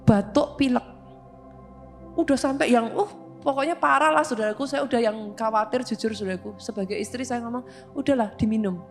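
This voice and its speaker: A woman pastor delivers a sermon through lively personal stories, often calling out to her listeners. Her voice is high for a woman. Faint music plays beneath her. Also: fairly quick. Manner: animated storytelling, constantly addressing listeners.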